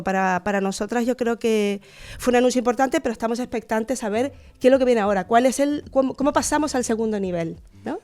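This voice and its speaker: A woman's voice: fairly high pitch, darkish tone. A woman from Chile with a Chilean accent, a guest researcher on a radio interview, speaking thoughtfully with fillers and restarts.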